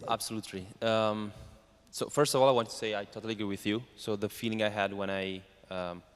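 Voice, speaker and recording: An Italian-accented man gives an informal panel answer as a startup founder. His voice is fairly low and clear, with hesitant phrasing as he looks for words. It carries the reverb of a hall. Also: fairly even intonation, a little fast.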